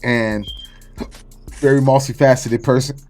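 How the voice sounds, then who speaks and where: A man's voice: mid-range voice, steady tone, unhurried, darkish tone, soft background music. A man from Florida hosting a casual podcast chat, laid-back and slangy, going down a list with plenty of fillers. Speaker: podcast host.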